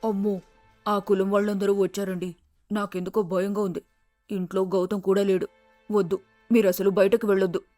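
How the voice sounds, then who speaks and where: A man's voice: high-pitched, flat delivery, normal speed, dry recording, soft background music, pitched above the performer's own voice, natural voice. A man playing a frightened village mother. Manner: frightened, urgent, loud. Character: fearful middle-aged village mother.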